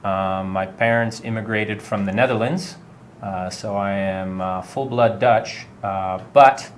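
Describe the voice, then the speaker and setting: A middle-aged man from Vermont, a high school technology teacher, answering interview questions casually with many filler sounds. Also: steady tone, unhurried, a little hiss or hum. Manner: friendly, many filler uhs.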